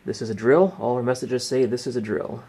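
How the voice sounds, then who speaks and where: A man's voice: mid-range voice, a little fast, warm tone, slightly rough. A man presenting a casual hands-on demonstration, explaining each step as he goes. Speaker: exercise participant and presenter. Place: small indoor radio desk. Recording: faint room noise.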